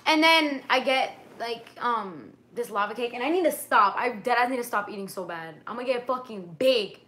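Wrapped in a blanket in her bedroom at night, a young woman of Dominican heritage vlogs on a livestream, reading out viewer comments in casual, slangy chatter and swearing freely. Her voice is on the high side, animated and bright with a pushed quality, at a normal speed. The audio comes from a webcam or phone held at arm's length.

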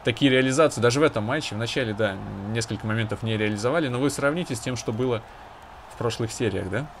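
A man with a mid-range voice talks quickly while commenting casually on his own hockey video game. He chats conversationally and throws analytical asides to viewers, with noise in the background.

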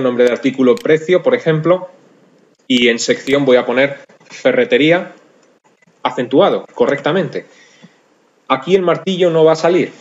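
A man narrating a software screencast tutorial in a conversational way, talking straight to his viewers. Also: medium pitch, highs cut off. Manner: conversational, addresses viewers directly. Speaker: software instructor.

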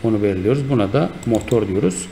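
A man with a low, gravelly voice walks through a screen-recorded software tutorial step by step. He speaks in an unhurried way, pausing on fillers and correcting himself as he clicks along. A faint hiss sits under his voice. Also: animated. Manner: unhurried, explanatory, with frequent fillers and self-corrections. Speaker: instructor.

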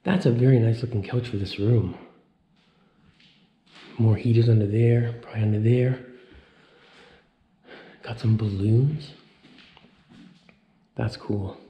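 A man in his thirties walks through the empty, spacious rooms of a mansion for his urban exploration vlog, filming on an action camera held out at arm's length. He speaks slowly in a steady, fairly low voice with long pauses, thinking aloud with awed exclamations, and the muffled recording carries slight background noise.

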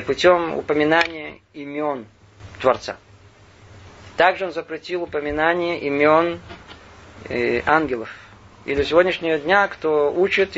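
A man, a rabbi, giving a Torah lesson in a thoughtful way, often pausing to search for words. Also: a little high, creaky, fairly bright tone, muffled recording, slight background noise. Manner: thoughtful, searching for words with many pauses and fillers.

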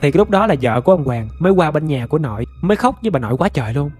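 A man's voice: on the high side, big pitch swings, racing, darkish tone, husky, soft background music. A man with a Southern Vietnamese accent narrating a ghost story in a chatty way, often addressing his listeners directly.

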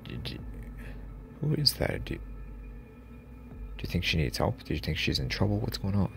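Jittery young friend, anxious pleading questions, very deep voice, put on by the male narrator. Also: sing-song, moderate pace, creaky, fairly bright tone, a little hiss or hum, full character voice. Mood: worried. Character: nervous young man, friend in a car.

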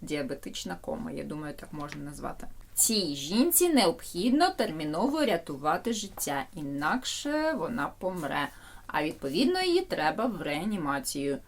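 A woman's voice: low-pitched, normal speed, a little hiss or hum. A woman teaching English to medical students, explaining each term and where its stress falls. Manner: lively, sing-song intonation on the English terms. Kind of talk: recorded lecture.

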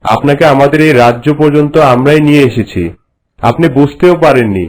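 This man speaks at medium pitch, a little fast, sounding close to his everyday voice. He performs scripted cartoon dialogue as a respectful, solemn royal courtier, narrating formal explanations for his queen. Music plays in the background.

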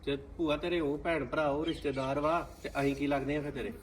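A man's voice: a little high, little pitch movement, fairly quick, a little hiss or hum, lightly acted. An actor playing a young nephew who speaks to his aunt in a hurt, reproachful way, with a Punjabi accent. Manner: reproachful, pleading. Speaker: actor in a family drama. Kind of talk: scripted short film acting.

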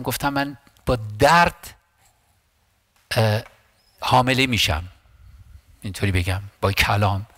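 A man's voice: mid-range voice, bright, forceful tone, dry recording. A man preaching a sermon as pastor, impassioned and emphatic, repeating phrases and often restarting words.

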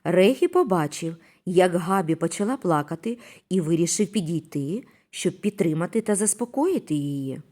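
A woman narrating a children's story in a gentle, expressive reading voice. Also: fairly low pitch, normal speed.

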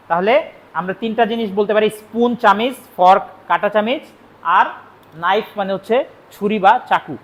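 A man's voice: high-pitched, a bit bright. A young man from Bangladesh teaching vocabulary in a classroom lesson, explaining patiently and repeating key words. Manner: explains patiently, repeats words, asks and answers his own questions. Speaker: spoken English teacher.

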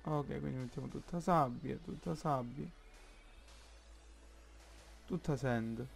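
A man with an Italian accent commenting on his own Minecraft play, slow and halting, thinking aloud with many fillers. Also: medium pitch, gravelly, a little hiss or hum. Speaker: gaming YouTuber.

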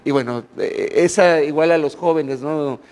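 A man's voice: fairly high pitch, takes it slowly, a little mellow. A man from Mexico with a Mexican accent, commenting from the audience at a conference on a handheld mic, friendly and rambling with many fillers. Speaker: audience member. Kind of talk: question from the floor. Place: conference hall, indoors.

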